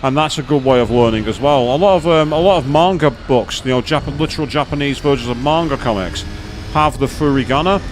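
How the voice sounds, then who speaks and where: A man's voice: medium pitch, brisk, a little hiss or hum. A man chatting casually on a live gaming stream, rambling with many fillers and restarts as he explains things to viewers.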